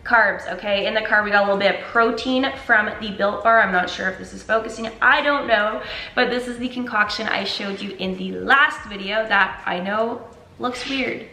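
Bright-voiced young woman in an echoey room. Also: medium pitch, normal speed. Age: young adult. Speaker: running vlogger. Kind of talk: casual vlog chat to camera. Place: open living room indoors. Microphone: camera a short way off.

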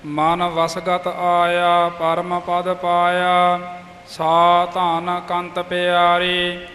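A man reciting scripture in a slow, flat, sing-song chant. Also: high voice. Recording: echoey room with faint music.

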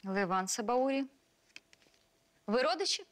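An actress playing a composed female prosecutor's investigator in a docudrama reenactment, questioning witnesses in a brisk, businesslike way. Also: fairly high pitch, sing-song. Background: music.

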